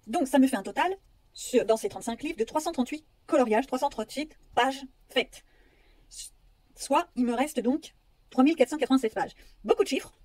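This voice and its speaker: A woman's voice: high-pitched, normal speed, darkish tone, dry recording. A woman vlogger chatting casually about her coloring books, self-mocking and rambling with fillers.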